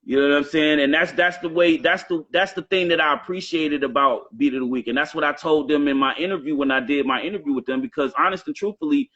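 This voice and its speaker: Fast and with hardly any pauses, a rapper in his late thirties chats casually on a live stream in a Southern US accent. The slightly high, somewhat bright voice is emphatic and repetitive, with heavy swearing, and the audio sounds dull.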